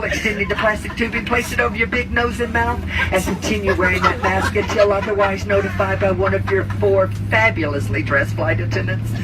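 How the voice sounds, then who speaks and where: A man working as a flight attendant, giving a comedic, campy safety announcement with theatrical patter over an airplane cabin PA. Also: high-pitched. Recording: noisy aircraft cabin PA, distant from mic. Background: aircraft cabin noise.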